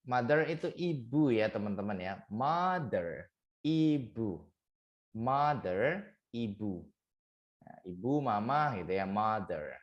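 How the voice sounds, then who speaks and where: Slow, sing-song male language tutor. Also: medium pitch, lo-fi sound. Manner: drills each word by slow repetition; mixes English words into teaching talk. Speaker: English tutor. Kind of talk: online vocabulary lesson.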